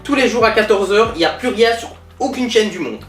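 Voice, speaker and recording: Fairly quick and high-voiced, a man plays a pompous billionaire entrepreneur bragging through a comedy sketch interview. He tells his stories in a lively, self-satisfied, boastful way. The sound is roomy, with a distant mic and faint music behind him.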